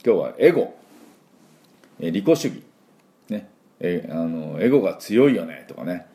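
Deep gravelly man teaching pronunciation. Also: animated, moderate pace, warm tone. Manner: drills sounds aloud, has listeners repeat after him; chatty and encouraging, with filler words. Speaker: English school principal and teacher. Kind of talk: English pronunciation lesson.

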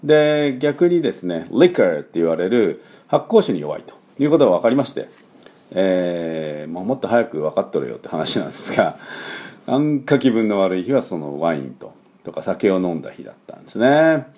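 Deep-voiced man in his fifties, chatty. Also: big pitch swings, dark tone. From Kyushu, Japan. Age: 50s. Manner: rambling and chatty, full of fillers, drills words slowly. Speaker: English teacher and podcast host. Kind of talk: casual talk-show English lesson.

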